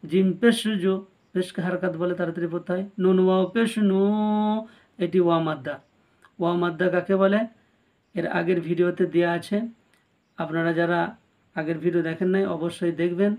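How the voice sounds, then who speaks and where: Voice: medium pitch, steady tone, a little fast, pauses often, a little mellow. A Quran reading teacher giving a spelling-out recitation lesson. The teacher spells each letter and vowel mark, then draws out the joined syllables, and speaks directly to the viewers.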